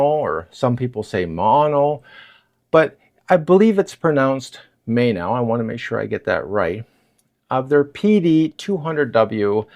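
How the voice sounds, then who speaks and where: A man talks through a gear review in his apartment, explaining things in a relaxed, chatty way. His pitch moves around a lot, which keeps the delivery animated. A clip-on wireless mic keeps the voice close. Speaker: product reviewer. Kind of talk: casual product review. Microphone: wireless lav mic.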